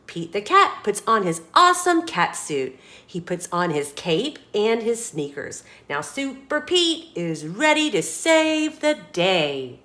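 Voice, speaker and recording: A storytime host reads a children's picture book aloud, expressive and dramatic, and asks questions of her young listeners. Her voice is mid-range and slow.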